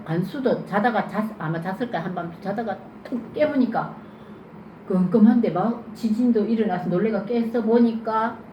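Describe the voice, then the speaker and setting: 한 여성이 아이들에게 질문을 던지며 성경 이야기를 생생하게 들려주는 설교를 합니다. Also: female voice, mid-range voice, dull audio. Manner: lively questioning, acts out scenes. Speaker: children's sermon teacher. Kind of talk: interactive Bible sermon for children. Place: church. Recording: echoey church room, faint noise.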